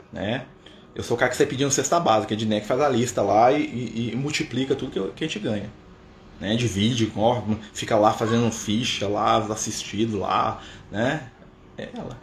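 Chatty Brazilian man leading a study. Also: medium pitch. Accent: Brazilian Portuguese. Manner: conversational, frequent "né?" tags, rhetorical questions. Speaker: spiritist study leader. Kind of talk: informal live study talk. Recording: echoey room with faint noise.

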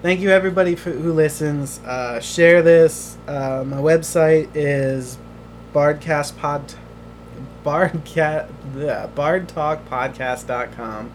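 Man, podcast host, fairly high voice, halting restarts, steady hum of noise behind. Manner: emotional, halting with many restarts. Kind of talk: casual chat.

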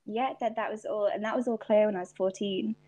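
A young woman with an Irish accent talks as a podcast guest. She is reflective and unhurried, and often restarts a thought before finishing it. Her voice sits at an ordinary middle pitch. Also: steady tone, dark tone. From Ireland. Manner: reflective, frequent restarts and fillers. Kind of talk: casual interview chat.

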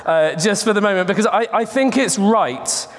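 A man's voice: high-pitched, normal speed. A man preaching an earnest, chatty sermon at a pulpit microphone, often restarting his words. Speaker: pastor. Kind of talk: conversational sermon. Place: church sanctuary. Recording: long reverb of a church hall.

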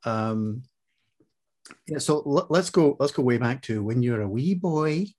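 A man's voice: medium pitch, expressive, measured pace, a little mellow. A man hosting a podcast, asking long rambling questions in a friendly, casual way. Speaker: podcast host. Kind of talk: casual interview chat.

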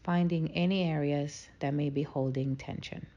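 A woman leading a guided meditation in a slow, soothing, calming manner. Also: sits low, dull audio.

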